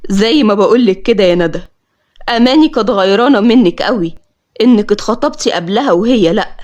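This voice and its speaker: A woman's voice: medium pitch, animated, fast, darkish tone, pitched below the performer's own voice, close to an everyday voice. Woman doing a solemn Egyptian father. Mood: grave. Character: grave middle-aged father revealing betrayal. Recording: dull lo-fi audio.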